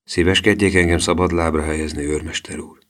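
Male reader as a sly thief confessing, deep voice, storybook. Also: steady tone, a bit bright. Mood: glum. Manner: glum, mock-polite. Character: sullen adult male thief, sly and polite.

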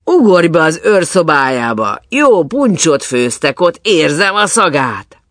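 A man's voice: on the high side, no echo, clean studio sound, voice pushed up. A man voicing April, a boastful young prankster who teases and exclaims. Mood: playful. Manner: teasing, lively, exclaiming.

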